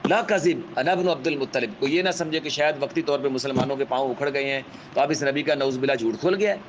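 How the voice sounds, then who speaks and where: A man giving a religious history lecture in with a tinge, speaking in a measured storytelling manner and often checking in with his listeners. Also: mid-range voice, highs cut off, background noise. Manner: measured, keeps adding a checking "alright?" tag; vivid storyteller, acts out quoted speech. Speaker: Islamic scholar lecturer.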